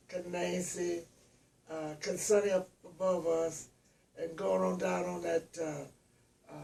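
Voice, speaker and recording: Gravelly seventy-something woman. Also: lowish voice, mellow. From Louisiana. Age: 70s. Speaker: interviewee. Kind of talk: casual family interview. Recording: distant mic, faint ambient noise.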